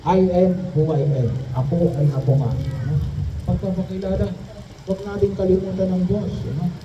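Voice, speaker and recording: A man's voice: sits high, steady tone. Man preaching a homily in an echoey room. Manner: pauses often with tag questions. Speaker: priest. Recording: echoey room from a distance, dull sound, faint noise.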